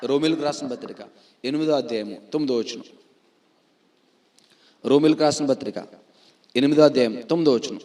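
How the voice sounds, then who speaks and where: A man preaching a sermon as pastor, asking rhetorical questions, repeating them and answering himself, slowing to stress key phrases and swinging between loud declarations and quiet asides. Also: mid-range voice.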